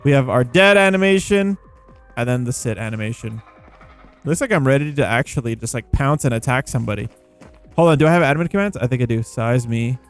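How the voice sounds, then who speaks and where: A man with a mid-range voice hosts a gaming video at a brisk clip. His commentary is casual and rambling, playful and packed with informal slang, with music playing in the background.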